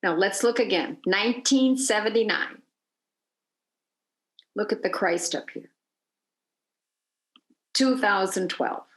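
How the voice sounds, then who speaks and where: Speaking slowly and pausing often, a woman with a medium-pitched voice guides a virtual tour in a roomy-sounding space. She is an energetic storyteller who acts out the voices of the people in her story.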